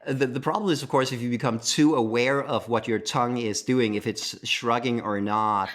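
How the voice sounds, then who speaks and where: A man's voice: medium pitch, steady tone, moderate pace, fairly bright tone. A man co-hosting a podcast with an American accent, telling stories in a playful, enthusiastic way. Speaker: podcast co-host. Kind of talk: casual podcast chat.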